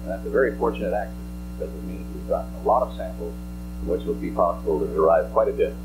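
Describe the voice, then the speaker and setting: A man presenting slides as a scientist at a briefing, explaining technical material in a halting, explanatory way. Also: low voice. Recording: archival press-conference audio with hum.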